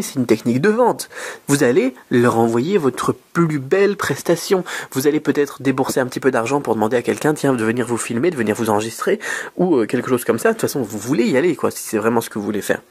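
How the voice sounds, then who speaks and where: A man from France giving casual advice as a video host, chatty, full of fillers and restarts, with sudden pitch jumps. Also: breathy edge. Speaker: YouTube host.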